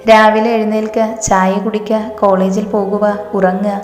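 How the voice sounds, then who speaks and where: Woman narrator reading a calm young husband, level and steady, roomy reverb. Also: medium pitch, moderate pace, lightly acted. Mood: calm firm. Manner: steady, teasing. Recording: roomy reverb, faint music.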